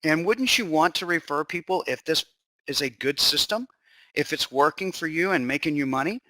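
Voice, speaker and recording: A man, presenting a sales webinar with an enthusiastic, salesy pitch and casual fillers. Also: expressive, normal speed, bright, forceful tone, no room sound. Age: 50s or 60s.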